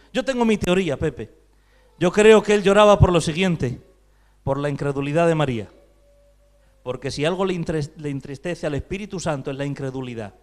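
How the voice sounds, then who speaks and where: A man from Spain preaching a sermon as pastor, with rhetorical questions and rising intensity. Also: high voice. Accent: Spain Spanish.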